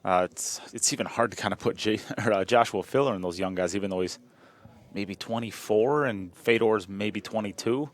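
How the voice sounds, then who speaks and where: A man's voice: fairly low pitch, normal speed. Chatty man commentating pool. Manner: chatty, repeats himself, joking. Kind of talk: live sports commentary.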